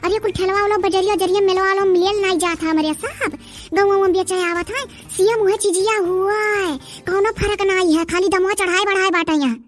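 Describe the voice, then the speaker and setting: A woman's voice: extremely high pitch, fairly even intonation, a little fast. A woman voicing a quarrelsome village woman in a cartoon, haggling and complaining about prices in a rustic Awadhi accent. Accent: Awadhi, eastern Uttar Pradesh. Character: bargaining village woman, adult, loud and quarrelsome. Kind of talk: cartoon dub voice acting.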